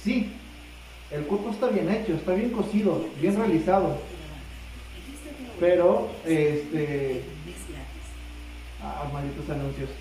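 A man's voice: a little high, takes it slowly, long pauses, a crowd in the background. A man chatting and complaining from inside a costume head, tripping over his words now and then. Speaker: fursuit vlogger. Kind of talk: casual chat to viewers. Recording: very echoey room, distant mic, music behind. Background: music.

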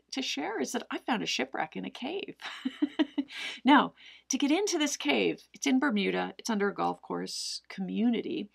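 A middle-aged woman, a cave diver, answering viewer questions in casual to-camera storytelling, animated and full of fillers. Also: mid-range voice, vocal fry. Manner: animated, gestures with both hands, frequent fillers. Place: indoors in front of a brick wall.

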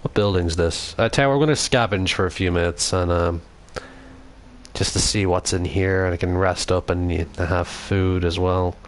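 A young Dublin man with a deep voice commentates his game live as a livestreaming gamer, keeping a moderate pace and fairly even intonation. The casual commentary rambles, he swears often, and he reads chat aloud and answers it.

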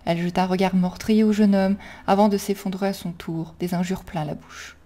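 A woman reads her own adventure story aloud in a steady, measured storybook narration. Her voice is mellow and warm, at a middle pitch. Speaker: reader of her own fan fiction.

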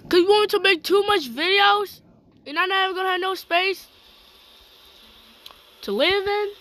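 A woman giving casual, excitable gameplay commentary as the channel host, breaking into loud shouts. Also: very high voice, moderate pace, a little hiss or hum.

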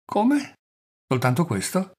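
A man voicing a haughty, scornful gentleman. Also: medium pitch, lively intonation, normal speed. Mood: biting. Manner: cold and disdainful. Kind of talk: audiobook character reading.

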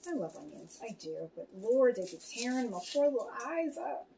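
A woman's voice: fairly high pitch, very animated, normal speed, creaky, dark tone, a little hiss or hum. A woman chatting casually to viewers and to herself as she cooks at home, reading the recipe steps aloud. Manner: chatty, talks to herself and viewers while cooking. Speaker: home cook reviewing a meal kit. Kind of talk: casual cooking vlog chat. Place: home kitchen.

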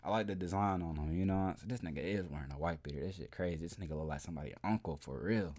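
With a deep, darkish-toned voice at a racing pace, a young man reacts casually to a music performance. This reaction video host is chatty and rambling, leaning often on "you know what I'm saying," and appears in a webcam overlay while in an indoor room.

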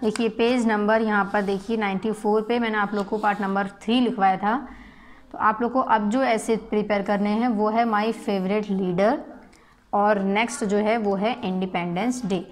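A woman schoolteacher giving a grammar lesson, slowly dictating Hindi sentences and their translations. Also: medium pitch, steady tone, slight background noise. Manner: slow, dictating word by word; mixes Hindi and English, repeats "ठीक है". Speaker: school English teacher. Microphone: recorded lesson video.

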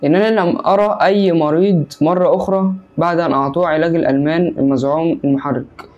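A man's voice: on the high side, fairly even intonation, quick pace, a little mellow, dull audio. A man with an Egyptian Arabic accent who hosts a horror game let's play; he talks in a jumpy, panicky way, crying out in repeated bursts, then cracks jokes. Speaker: gaming channel host.

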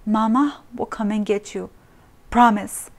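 A woman's voice: medium pitch, steady tone, measured pace, natural voice. A woman reading as a fierce defiant mother. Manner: urgent and defiant. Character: fierce defiant mother protecting her child.

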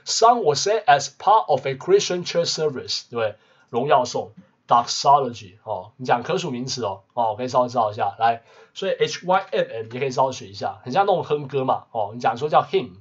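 A man teaching English vocabulary in a casual lesson, constantly adding quick tag questions. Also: medium pitch, very animated, husky. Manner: peppers talk with tag questions. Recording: muffled lo-fi recording.

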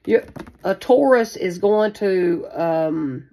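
Seated at a card table in a small room, this tarot reader speaks slowly in a low, creaky, dark voice with lively intonation. She hosts a spiritual channel and rambles through a folksy, off-the-cuff reading, repeating herself and cursing now and then.

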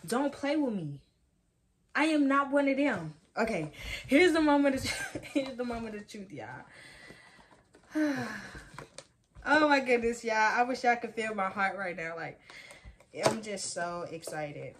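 A woman vlogger talking to her viewers in a casual unboxing video, chatty and excitable. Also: a little high, measured pace, long pauses, a little hiss or hum.

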